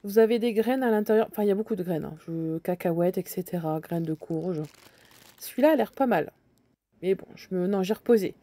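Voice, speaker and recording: This woman speaks at a medium pitch, a little fast, with a warm tone. Walking the supermarket aisles as a bargain-hunting vlogger, she chats casually, flags deals, and frequently hesitates while thinking aloud.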